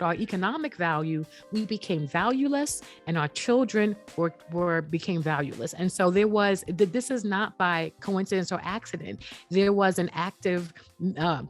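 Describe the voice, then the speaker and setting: A woman guest on a podcast interview, explaining earnestly and often saying "you know.". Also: fairly low pitch. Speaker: guest, app founder.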